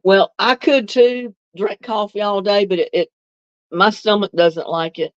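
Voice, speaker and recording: An older North Carolina woman hosts a livestream, chatting casually, reading out viewer comments in a homey way and laughing a lot. She speaks unhurriedly in a mid-range voice with no echo, and the recording sounds dull, dry and lo-fi.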